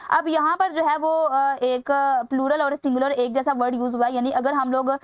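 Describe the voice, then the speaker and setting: A woman gives a grammar lesson for exam students. Her voice sits high, and she explains each answer patiently, step by step. The recording is dry and a little muffled. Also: flat delivery, moderate pace, no room sound. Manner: explains step by step, repeats key phrases. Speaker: teacher. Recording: dry, slightly dull sound.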